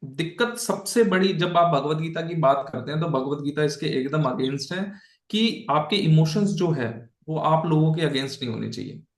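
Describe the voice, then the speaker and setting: In an echoey room, a man teaching the Bhagavad Gita speaks with a fairly high, animated voice at a moderate pace. His online lesson is casual and conversational, with frequent check-ins with listeners and English phrases mixed in.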